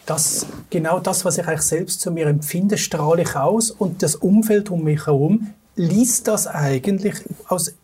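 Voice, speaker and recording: Low, dark-voiced woman heard from afar. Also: moderate pace, distant mic, slight background noise. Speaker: interviewer.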